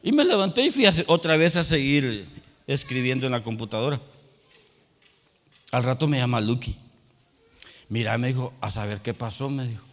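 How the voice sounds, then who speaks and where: A male pastor preaching a sermon. He tells a personal story and rises to loud, emphatic calls. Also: medium pitch, expressive, normal speed, long pauses, long reverb tail, slight background noise. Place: church sanctuary.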